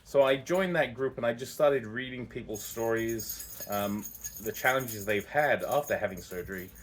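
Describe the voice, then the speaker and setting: A man's voice: medium pitch, moderate pace. A man telling his own story casually as a vlogger, candid and rambling, often correcting himself as he goes.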